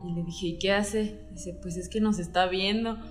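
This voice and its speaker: Her tale unfolds in a casual conversation: a Mexican-accented woman with a mid-range voice and ordinary pace plays out the characters' voices and lines with lively storytelling. A roomy echo and faint background music color the audio.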